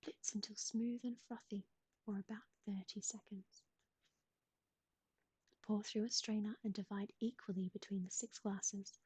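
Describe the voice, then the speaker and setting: A woman whispering recipes in a soft ASMR style, close to the mic, with gentle asides to a pet. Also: mid-range voice, fairly even intonation, measured pace, long pauses, husky, no echo, rough recording. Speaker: ASMR streamer.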